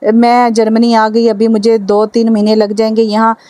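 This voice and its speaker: A bossy, haughty young wife from a storybook drama who talks down to everyone. A woman reads her out in a mellow, smooth voice with a flat delivery. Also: fairly high pitch, moderate pace, no room sound, lightly acted. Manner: rude, bossy, demeaning.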